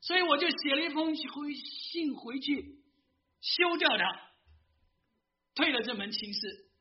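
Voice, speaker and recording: A man's voice: very high voice, measured pace, lo-fi sound, voice pushed up. A man voicing a guilt-ridden old male general confessing a secret, told within a sermon.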